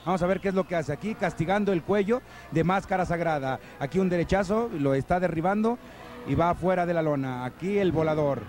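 A man with a Mexican accent, a wrestling commentator giving animated live lucha libre commentary and exclaiming over the moves. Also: fairly high pitch, fairly quick. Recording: noisy old TV broadcast, arena ambience.

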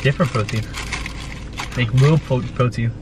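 A man's voice: medium pitch, moderate pace, background noise. A young man bantering in a parked car, joking, complaining and swearing. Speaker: vlogger's gym partner. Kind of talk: casual banter.

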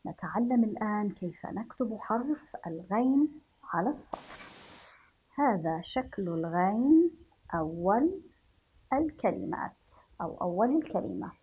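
A woman teaches young children to read, sounding out each syllable at an unhurried, deliberate pace. Her voice is soft and slightly husky, sitting at an ordinary middle pitch. She repeats every word patiently and praises the class. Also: very animated. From Yemen. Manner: spells syllables slowly and repeats words for children to follow; gently encouraging, praises the class. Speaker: primary school teacher. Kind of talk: children's reading lesson.

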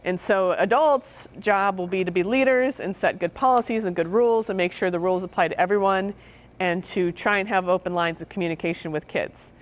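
A middle-aged woman with a medium-pitched voice, speaking a little fast, lectures parents on child safety in a meeting room before an audience. She's earnest and repeats key words for emphasis.

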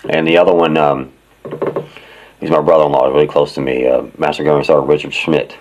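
Retired marine guy talking to his channel, super deep voice, lots of ums. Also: flat delivery, rough recording. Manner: plain-spoken, halting with fillers. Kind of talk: casual talk to camera.

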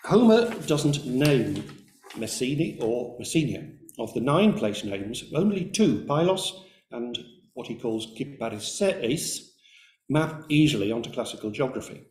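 A man's voice: mid-range voice, big pitch swings, measured pace, a little mellow, reverberant. A man giving an academic lecture, reading carefully from a script with brief hesitations. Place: lecture room.

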